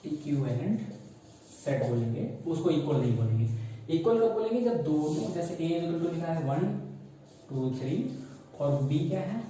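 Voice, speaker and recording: A male maths teacher with a somewhat high, very dark and mellow voice who keeps asking the class questions and answering them himself. He is recorded from some distance in a strongly echoing classroom. Faint room noise sits behind him. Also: animated, normal speed. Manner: mixes English maths terms into Hindi. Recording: very echoey room, mic far off.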